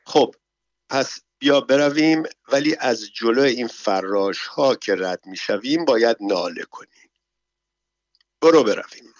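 A man's voice: medium pitch, no echo, lightly acted. A man reading a storybook, voicing a sly, cheerful male servant who coaxes his master along, on a dull, dry recording. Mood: eager. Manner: coaxing, lively, in broken foreign phrases.

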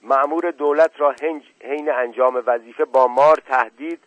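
A man's voice: medium pitch, no echo, lightly acted. A man voicing a pompous, fawning police officer in an audiobook, recorded with a tinny, dry sound. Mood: alarmed. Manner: shouting, then bowing and flattering. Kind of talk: audiobook character voice.

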